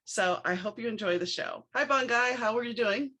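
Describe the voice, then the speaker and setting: A woman's voice: on the high side, moderate pace, sharp tone. Upbeat woman podcast host. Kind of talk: podcast interview.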